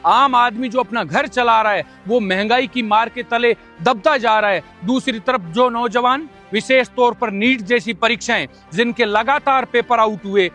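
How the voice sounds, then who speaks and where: A man from the Bikaner area of Rajasthan delivers a fiery political statement straight to camera. His voice sits unusually high and rings sharp and forceful as he accuses and demands. Soft music plays faintly behind him. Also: normal speed, few pauses. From Bikaner area, Rajasthan, India. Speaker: local political activist. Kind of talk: impassioned political video statement.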